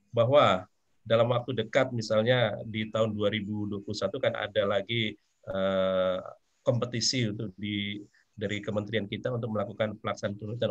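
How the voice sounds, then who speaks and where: Guy professor, lots of ums, kinda low voice, muffled lo-fi audio. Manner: hesitant, many fillers. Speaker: visiting professor. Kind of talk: formal remarks at a meeting.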